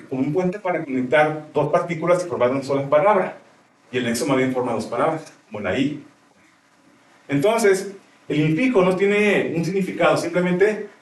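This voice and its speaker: A male teacher explaining grammar in a classroom, often checking with his students as he goes. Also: fairly high pitch. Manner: explanatory, asks frequent checking questions. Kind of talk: classroom lecture. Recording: roomy classroom, mic far off.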